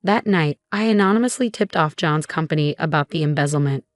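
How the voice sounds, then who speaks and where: Woman narrator, low voice, dry close sound, steady measured reading, faint music behind. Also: dry recording. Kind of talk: scripted first-person story narration.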